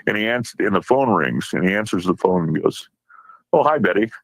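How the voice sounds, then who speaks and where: A man's voice: low-pitched, a little fast, vocal fry, husky, no echo, rough recording. A man guest chatting casually, telling a rambling anecdote and acting out the quoted lines. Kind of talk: casual chat.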